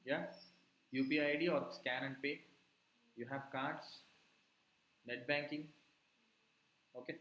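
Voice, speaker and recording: A man's voice: mid-range voice, fairly even intonation, measured pace, long pauses, fairly bright tone, muffled recording. Indian-accented man teaching in an echoey room. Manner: repeats words and tags questions with okay. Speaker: web development instructor. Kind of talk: casual teaching and class chat. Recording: echoey room with background noise.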